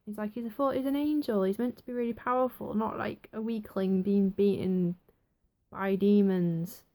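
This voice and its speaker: A young woman giving a chatty, excitable casual review of a TV episode. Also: mid-range voice, normal speed. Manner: chatty, excitable, acts out quotes.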